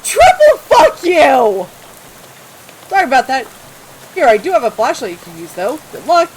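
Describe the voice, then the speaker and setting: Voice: sits high, normal speed, poor audio. A let's-play gamer commenting playfully and reading game dialogue aloud. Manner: animated, jokey, reads dialogue aloud. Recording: rain noise behind.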